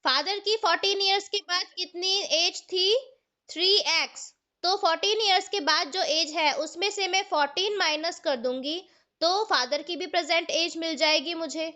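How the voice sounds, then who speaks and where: A woman's voice: extremely high pitch, moderate pace, pushed and bright. A woman with an Indian accent teaching a maths class online, explaining step by step and asking the students questions. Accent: Indian English. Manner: explains step by step, asks the students questions, mixes Hindi and English. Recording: dull lo-fi online class audio.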